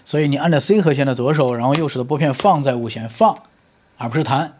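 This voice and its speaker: Speaking fast at a medium pitch, a man walks a learner through an electric guitar lesson one step at a time, leaning on everyday comparisons and repeatedly checking "right?" Guitar playing runs in the background, and the recording has a little hiss or hum.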